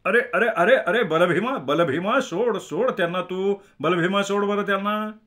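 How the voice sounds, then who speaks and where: A man's voice: high voice, moderate pace, a bit bright, voice pushed up. A man voicing a frantic middle-aged milkwoman who shrieks and pleads.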